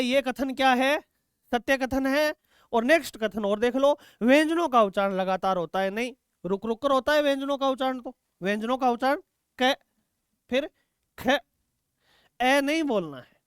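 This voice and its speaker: A man's voice: very high-pitched, smooth, no echo, clean studio sound. A male teacher taking students through exam quiz questions, asking questions and answering them himself and calling students "beta". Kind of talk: exam-prep quiz lesson.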